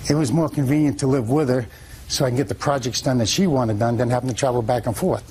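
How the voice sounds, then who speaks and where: A man in his fifties with a gravelly voice, answering as a litigant in a TV court, plain-spoken, folksy and defensive. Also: mid-range voice, fast, darkish tone, a little hiss or hum, rough recording. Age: 50s.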